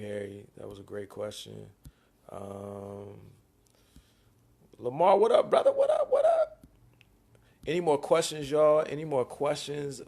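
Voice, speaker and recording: A man's voice: lowish voice, creaky. A man reading viewer questions and answering them on a live stream, speaking in a laid-back, slangy way. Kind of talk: casual live-stream chat.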